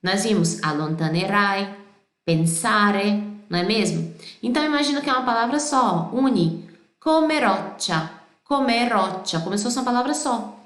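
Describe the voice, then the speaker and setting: A Brazilian woman with a Brazilian Portuguese accent teaching Italian pronunciation, singing song lines slowly and explaining in quick bursts. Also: mid-range voice, a bit bright, roomy sound. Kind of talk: pronunciation lesson.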